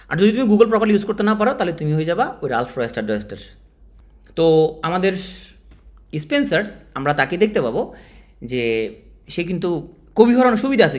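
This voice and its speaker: A man with a Bangladeshi Bengali accent giving an informal exam-prep literature lecture, talking straight to his students. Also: a little high. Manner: animated, informal teacher, addresses students directly. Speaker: teacher.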